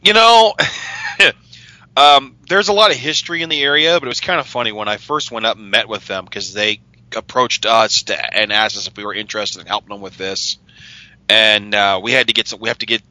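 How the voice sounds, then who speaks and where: A chatty man with a very bright, forward tone. He talks excitedly on a casual podcast. The dry, close sound puts his voice right up front. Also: fairly low pitch, fairly quick, dry recording, low-quality recording. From Utah. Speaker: paranormal investigator, co-host.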